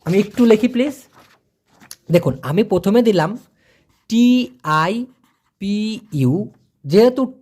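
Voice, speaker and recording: A Malay teacher gives a video lesson. The teacher says foreign phrases very slowly, repeats them, and keeps coaxing viewers with please and brother. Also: medium pitch, a little mellow.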